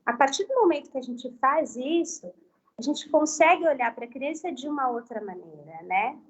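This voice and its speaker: A woman speech therapist as a guest on a live health talk, explaining gently and often adding tag questions. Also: sits high, lively intonation, moderate pace, slightly rough.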